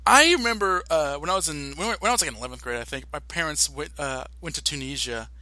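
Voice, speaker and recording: A young American man co-hosting a podcast in casual, animated talk, often restarting his sentences. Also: a little high, no room sound. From United States. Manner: animated, halting with many restarts and fillers. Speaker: podcast co-host.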